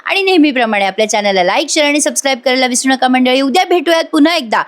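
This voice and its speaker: Female reviewer, voice-over recap, voice sitting a little high, chatty. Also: lively intonation, racing. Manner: retells scenes, briefly voicing each character's lines. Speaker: serial episode reviewer.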